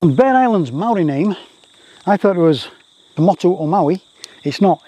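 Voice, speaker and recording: A man's voice: sits high, animated, normal speed, warm tone, husky, rough recording. A man giving chatty, self-deprecating, casual vlog commentary outdoors, often repeating his phrases. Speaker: landscape photographer, vlogger. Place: outdoors on a grassy rural roadside. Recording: faint outdoor noise with insects.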